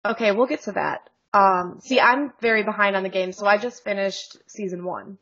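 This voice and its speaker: A woman's voice: medium pitch, moderate pace, a bit bright, breathy edge, muffled recording. A woman co-hosting a podcast in casual chat, joking and rambling with frequent laughs, over a video call. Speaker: podcast co-host.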